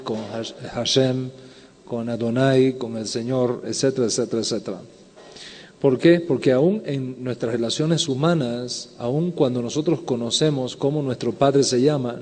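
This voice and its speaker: A man's voice: mid-range voice, a little mellow. A man, a rabbi, giving a conference lecture and answering questions, explaining step by step and often checking in with "ok?". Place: lecture hall. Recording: long hall reverb.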